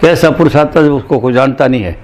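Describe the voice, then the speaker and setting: A man's voice: medium pitch, brisk, darkish tone, slight background noise. A man from India giving a morning satsang sermon as a spiritual teacher. He talks in a conversational way, speaks to his listeners directly and mixes in recited verses.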